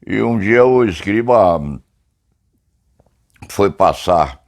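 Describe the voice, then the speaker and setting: An older Brazilian man with a São Paulo accent tells an unhurried story that wanders from one point to the next. His voice is very low and full of gravel. He talks about himself in the third person, wry and amused. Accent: Brazilian Portuguese, São Paulo. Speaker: criminal lawyer commentator. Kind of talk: reflective storytelling monologue.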